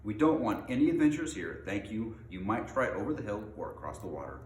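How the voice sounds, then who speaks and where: A fussy middle-aged hobbit gentleman, as a male reader puts him on, polite and easily flustered. His chatty, old-fashioned phrasing swoops up and down. The storybook reading sits in an echoey room with faint noise behind it. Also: on the low side, big pitch swings, a little fast. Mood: flustered, dismissive. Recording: roomy echo, faint background noise.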